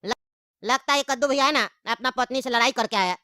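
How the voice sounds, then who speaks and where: A woman's voice: high voice, brisk, pushed and bright, dry recording, studio quality. A woman voicing a smug, scheming male hotel owner who fawns over customers. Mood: sly. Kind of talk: cartoon voice acting.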